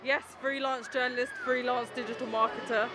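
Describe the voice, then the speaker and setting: Excited high-voiced woman at a busy festival. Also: brisk. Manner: eager, animated, talkative. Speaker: interviewee, freelance journalist. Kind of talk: casual street interview. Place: outdoors at a festival. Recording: outdoor crowd and noise behind.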